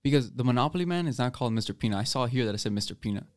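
This is a teen boy with an American accent chatting loosely on a student podcast, full of fillers and restarts. He talks very fast in a mid-range voice with lively intonation, and the sound is dry and clean like a studio.

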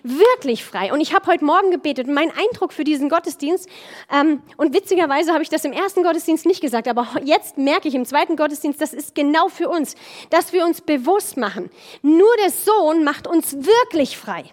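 A middle-aged woman preaching a sermon, stressing key phrases by repeating them slowly. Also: high voice, lively intonation.

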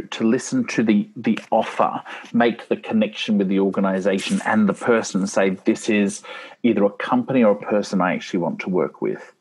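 A man hosting an interview, encouraging his guest with quick affirmations. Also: fairly low pitch, slightly rough, low-quality recording. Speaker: podcast host. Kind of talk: casual interview.

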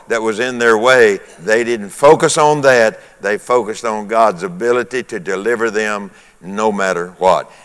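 A man's voice: mid-range voice, a bit bright, clear, resonant tone. Preaching man in a reverberant church hall. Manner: emphatic preaching with call-and-response. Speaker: pastor. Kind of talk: sermon to a congregation.

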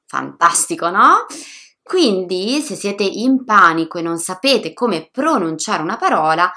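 A woman teaching pronunciation in a lively, upbeat scripted lesson, speaking directly to learners. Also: fairly low pitch. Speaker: Italian teacher.

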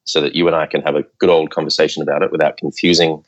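Brief: low-voiced male expert, patient explainer, slightly muffled line. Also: little pitch movement, very fast. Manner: explanatory, fillers like uh, lecture-like. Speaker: podcast guest, coffee expert. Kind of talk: casual interview talk.

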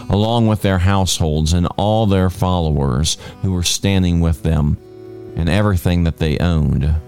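Deep, slow-paced male reader, measured Bible reading over faint guitar. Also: a little mellow. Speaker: scripture reader.

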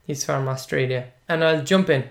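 A man's voice: mid-range voice, moderate pace, gravelly. Irish guy, thirties, first language irish, chatty and good-humoured, talks casually to his viewers. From Ireland. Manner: chatty, good-humoured, reads out comments with asides. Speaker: language teacher and podcaster. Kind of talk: casual talk to camera.

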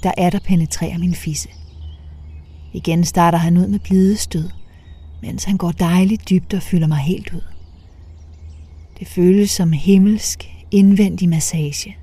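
A woman narrating a first-person story in a soft, half-whispered way. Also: on the low side, dry recording.

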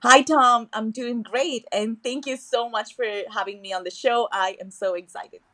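An eager woman guest on a podcast, originally from southern India with Tamil as her first language, speaks at a normal speed in a fairly high, bright voice with a forceful tone. She's enthusiastic in this interview, often using fillers and restarting her sentences.

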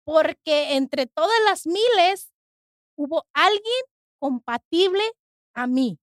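Brief: earnest woman guest, high voice, halting testimony, dry close sound. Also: animated, dry recording. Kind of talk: emotional personal testimony.

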